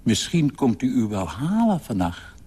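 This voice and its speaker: A man reading a story, voicing a pale, quiet little girl who asks timid, earnest questions. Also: medium pitch, sing-song, unhurried, slightly rough, big-room sound, voice pushed up. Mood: anxious.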